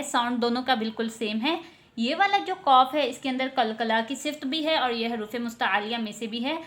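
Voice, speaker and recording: A woman's voice: high-pitched, fairly bright tone. A woman teaching Quran pronunciation, explaining patiently and stretching out letter sounds to model them. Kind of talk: online tajweed lesson.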